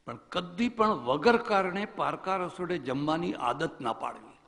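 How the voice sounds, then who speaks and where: A man's voice: a little high, animated, unhurried, vocal fry, fairly bright tone, long reverb tail. A man, a swami, giving a religious discourse as a storytelling preacher who asks rhetorical questions.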